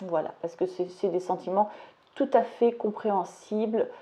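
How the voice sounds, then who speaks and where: This lo-fi clip features a woman with a dark, mid-range voice talking at a moderate pace. She's a vlogger casually showing craft stamps at home, wandering off into self-mocking asides as she hauls and demos them.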